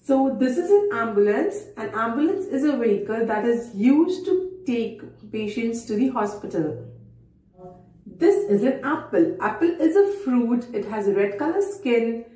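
A woman in her thirties speaking in a kindergarten teacher voice, giving a simple, deliberate, repetitive preschool lesson to camera. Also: fairly high pitch, sing-song, mellow. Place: indoors, small bare-walled room. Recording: echoey room, distant microphone.

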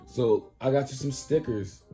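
At home indoors, a channel host pranks his girlfriend, teasing her with playful, insistent slang in casual vlog banter. His medium-pitched voice is dark-toned and a little slow, with soft background music.

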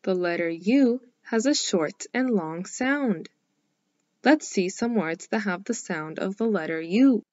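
A woman teaching a scripted phonics lesson for young children, speaking slowly and clearly in an encouraging way. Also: mid-range voice, lively intonation, darkish tone, muffled recording. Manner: slow, clearly enunciated, encouraging.

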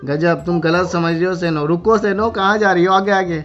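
A man's voice: sits high, flat delivery, moderate pace, a bit bright, lo-fi sound. Young male streamer, flustered and joking, playful pleading, game music bed. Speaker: gaming YouTuber. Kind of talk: casual gaming chat.

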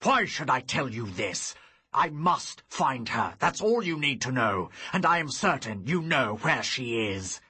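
A man voicing a stern, bearded, deposed king and father with a deep, growling voice, in an audiobook reading. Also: animated, takes it slowly, pushed and bright, breathy edge, full character voice. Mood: furious.

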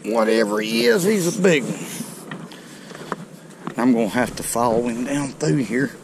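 This middle-aged man hosts a fishing video outdoors, talking to viewers in an excited, folksy manner from a rocky bank beneath a dam. He speaks unhurriedly in a mid-range voice; his chest-mounted action camera catches background noise.

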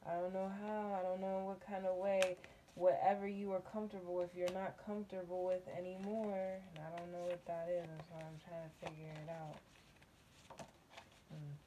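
A woman giving a casual tarot reading, musing and unhurried, humming and laughing softly between thoughts, from a table in a small dim room. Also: on the low side, flat delivery, background noise. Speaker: tarot reader.

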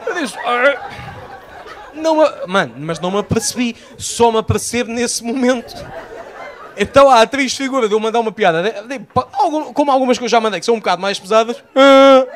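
A stand-up comedian in his thirties with a European Portuguese accent performs live on a small outdoor stage at night, telling animated stories into a handheld mic and acting out the voices he quotes. His voice is very high-pitched and a little fast, with some chatter and slight noise behind him.

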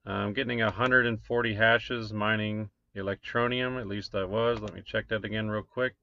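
Man, 40s, low-ish gravelly voice, casual screen-share vlogger, lo-fi dull sound. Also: steady tone, normal speed, bright, forceful tone, a little hiss or hum. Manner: rambling, reads numbers aloud with many "um"s. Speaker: crypto mining vlogger. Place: small room at a desk. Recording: dull lo-fi desk recording.

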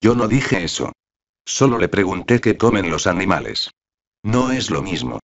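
Man doing anxious insistent boy, deep read, muffled sound. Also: big pitch swings, normal speed. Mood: urgent. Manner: urgent, insistent. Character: anxious excitable young boy. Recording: dull lo-fi audiobook recording.

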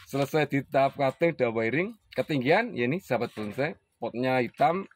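A man's voice: mid-range voice, expressive, fairly quick, a little hiss or hum. A man with a Javanese Indonesian accent giving a casual sales presentation as host, repeating prices and names for viewers. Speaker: host reviewing bonsai for sale. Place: outdoors in a plant yard.

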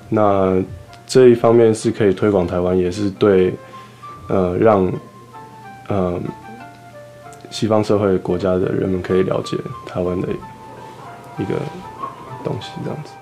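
A young man answering interview questions hesitantly, pausing with fillers as he thinks. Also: low-pitched, dark tone. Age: young adult. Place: dark studio backdrop, indoors.

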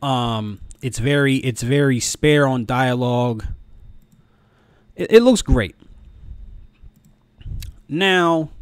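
A man in his thirties talks through a casual review. His voice sits at an average male pitch, and he stumbles over and repeats words. He is recorded close and dry, with very little echo. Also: clear, resonant tone. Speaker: video commentator. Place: small room at home. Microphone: close desk microphone, headphones on.

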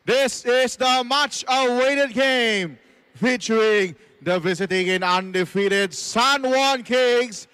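A Filipino man works as a booming arena hype announcer. His pitch is extremely high and his delivery slow, drawing out each name over clearly audible music. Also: sharp tone, no room sound. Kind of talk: live sports arena introductions. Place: large indoor sports arena.

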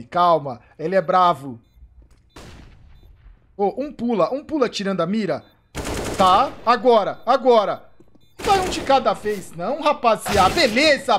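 A Brazilian man giving excited live commentary on a competitive shooter match, swearing and shouting at big plays. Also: high-pitched, background noise. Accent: Brazilian Portuguese. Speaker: esports streamer commentator. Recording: live stream with game gunfire behind.

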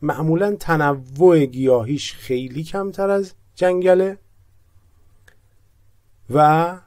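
A man teaching English vocabulary in Persian, saying each word slowly and repeating it before he explains it. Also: a little high, a little mellow, no echo, clean studio sound. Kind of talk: vocabulary lesson.

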